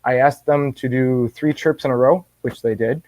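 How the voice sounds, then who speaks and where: A man guest telling a personal faith story in an animated way, often restarting and repeating words. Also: mid-range voice, normal speed, no room sound. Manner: animated, acts out his own quoted words. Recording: dull dry lo-fi sound.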